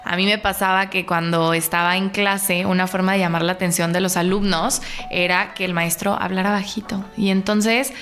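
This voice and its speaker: A woman talks on a casual podcast. She agrees readily and illustrates her points with everyday examples in a mid-pitched voice. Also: flat delivery, moderate pace, few pauses, fairly bright tone, soft background music.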